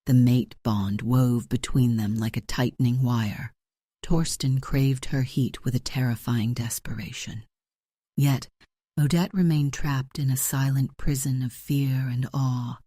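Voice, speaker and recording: A man narrating a paranormal romance audiobook in a steady, dramatic storytelling manner. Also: mid-range voice, a little slow, no echo, clean studio sound.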